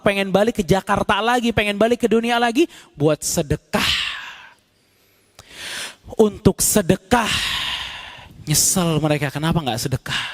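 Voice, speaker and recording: A man preaching an impassioned sermon to a congregation, slowly reciting Arabic verses and swinging from pleading cries to low murmurs.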